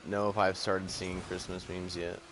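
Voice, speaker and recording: A man with a low voice tosses out dry, joking quips during a casual gaming session. Clear background noise sits under his voice throughout the recording. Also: flat delivery, moderate pace. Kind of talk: casual chat while playing.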